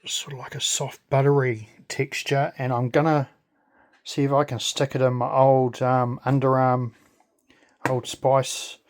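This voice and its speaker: Speaking very slowly and haltingly, a friendly New Zealand man walks viewers through a casual hands-on demonstration. He is a video creator with a medium-pitched voice and a level tone.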